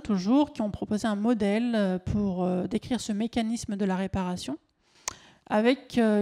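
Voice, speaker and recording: A woman's voice: on the high side, dark tone. A middle-aged woman lecturing on linguistics, hesitant, with many fillers and restarts. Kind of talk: academic lecture with slides.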